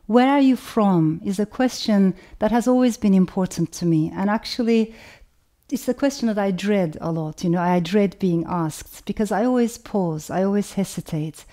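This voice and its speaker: Mellow-voiced woman with a Turkish accent. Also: medium pitch. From Turkey. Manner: measured, thoughtful, lists things in long chains. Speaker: novelist hosting her own channel. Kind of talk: reflective personal talk with a read passage.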